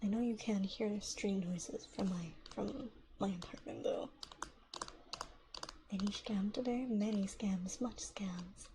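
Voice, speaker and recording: A woman hosting a soft-spoken livestream from her apartment on a binaural mic, talking smoothly and quietly, often in a whisper, and chatting in a rambling way. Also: mid-range voice, unhurried, noisy background. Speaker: ASMR livestream host. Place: home apartment. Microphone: binaural dummy-head mic.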